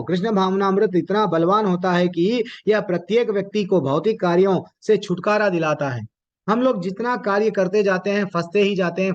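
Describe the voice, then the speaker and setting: A man teaching a devotional scripture class, explaining each point, asking his listeners questions and repeating phrases for emphasis. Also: high voice. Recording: dull lo-fi audio.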